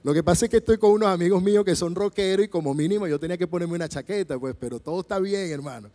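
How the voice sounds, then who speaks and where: A man's voice: sits high, racing. A man in his forties with a Venezuelan Spanish accent, preaching a sermon on a church stage into a handheld mic, telling stories and acting out the dialogue. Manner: animated storyteller acting out dialogue, gesturing freely. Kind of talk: sermon with told anecdotes. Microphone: handheld microphone. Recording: long church hall reverb.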